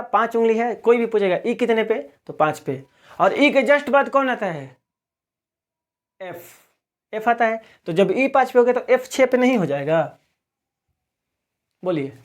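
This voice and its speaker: A man from Bihar, teaching a video lesson in a question-and-answer drill, asking each question and answering it himself. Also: high voice. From Bihar, India. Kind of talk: classroom-style video lesson.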